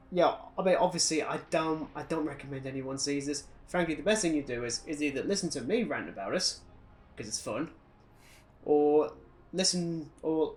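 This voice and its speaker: Slightly high and a little mellow, this British man's voice drives a casual film review chat on a podcast he co-hosts. He's opinionated and sardonic, prone to ranting.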